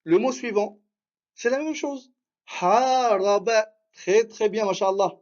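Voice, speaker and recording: A man's voice: high-pitched, lively intonation, a little slow, darkish tone, dull audio. A man teaching Arabic reading in a live online lesson, patiently sounding out syllables and praising his students by name.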